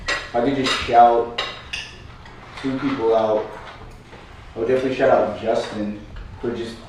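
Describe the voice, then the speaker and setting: A man in his twenties speaks casually and appreciatively at a roundtable. He is far from the mic in a very echoey space, with clearly audible cutlery and dishes behind him. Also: mid-range voice, fairly even intonation, normal speed, slight background noise. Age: 20s. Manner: warm, appreciative shout-outs. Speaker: kendama player. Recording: roomy, distant, dish clatter behind.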